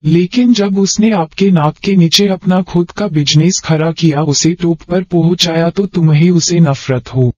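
A man reading the part of an angry, proud mother who runs a wealthy household, scolding in a sharp tone. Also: on the high side, measured pace, hardly any pauses, dry recording. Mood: bitter. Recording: dry, dull lo-fi.

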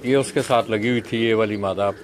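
A man's voice: fairly low pitch, steady tone, a little fast, background noise. Man showing pigeons on a rooftop. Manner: addresses viewers as friends, gives short instructions to a helper. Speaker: pigeon fancier vlogger. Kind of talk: explaining to camera, guiding a helper. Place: rooftop pigeon loft outdoors.

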